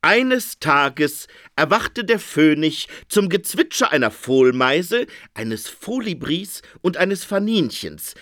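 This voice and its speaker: Male audiobook narrator, playful comic reading, very lively intonation, dry close recording. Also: fairly high pitch, no room sound. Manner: playful, expressive reading of wordplay.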